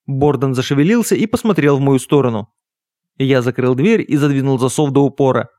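A man narrating a first-person literary audiobook in a measured, even storytelling manner on a close studio mic. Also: medium pitch, no echo.

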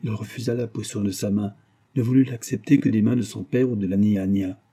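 Husky, dark-voiced man reading a novel. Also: on the low side, fairly even intonation, a little fast. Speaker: audiobook narrator. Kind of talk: scripted narration.

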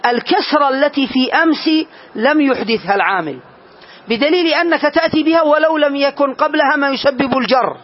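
A man teaching a classroom grammar lesson, quizzing his students and slowly spelling out each example. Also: extremely high pitch. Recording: dull lo-fi lesson recording.

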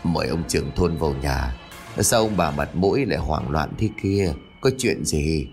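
A man voicing a frail old village spirit medium who speaks in a slow, weary murmur. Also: rumbling low, lively intonation, vocal fry, darkish tone, faint music behind, voice pushed down, heavily acted. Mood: weary, uneasy.

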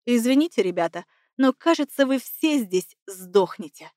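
A woman voicing a smug, cynical young man who talks in a mocking, unhurried drawl, lower than her own voice. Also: animated, mellow, no echo, studio quality, natural voice.

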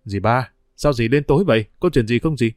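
A cautious middle-aged husband, steady and reassuring, voice sitting in a mid register, in a storybook reading, as a male narrator plays him. Dry, close sound. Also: mid-range voice, fairly quick, dry recording, natural voice. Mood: calm.

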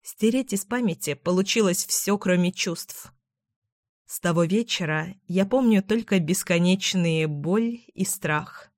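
A woman narrating a first-person story for an audiobook in a measured, restrained way on a close mic. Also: on the low side, darkish tone, no echo.

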